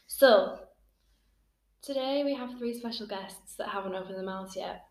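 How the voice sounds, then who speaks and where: A woman's voice: mid-range voice, normal speed, darkish tone. A 21-year-old woman from England, hosting a casual podcast chat and talking in a friendly, rambling way. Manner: chatty, laughs often, uses "like" a lot. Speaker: podcast host. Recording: roomy echo.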